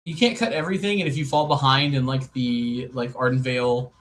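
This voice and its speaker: A man co-hosting a podcast, giving casual, joking commentary on a card game with lots of "like" and drawn-out asides. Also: medium pitch, fairly even intonation, a bit bright, rough recording.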